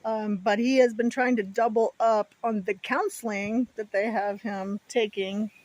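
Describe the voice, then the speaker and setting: A woman's voice: mid-range voice, fairly even intonation, unhurried, a little mellow, no room sound. A woman chatting casually to viewers outdoors in a folksy, rambling way, with wind on the mic. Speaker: vlogger. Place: outdoors at home, with pets around.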